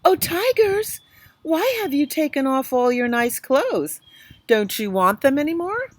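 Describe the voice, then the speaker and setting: A woman voicing a frightened but clever little boy in a read-aloud story, with a high pleading voice. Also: lively intonation, unhurried. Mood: calling out.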